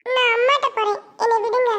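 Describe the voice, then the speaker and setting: Woman doing a squeaky little girl. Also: steady tone, fairly quick, fairly bright tone. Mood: whiny. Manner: childish, lisping baby talk, whiny. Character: chatty little girl, preschool age. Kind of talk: cartoon web series voice acting.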